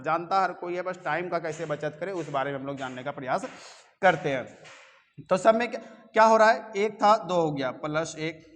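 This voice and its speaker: A man leads a reasoning class in a coaching classroom, his voice sitting a little high. He coaxes the students and checks often that they understand. The mic is some way off, so the room's reverb rings behind him. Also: fairly bright tone. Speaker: reasoning teacher. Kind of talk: classroom lecture.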